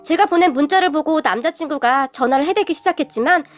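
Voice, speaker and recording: Young woman reading out her own story, high pitched, soft music under it. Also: quick pace. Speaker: narrator. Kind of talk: scripted first-person story narration. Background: faint music.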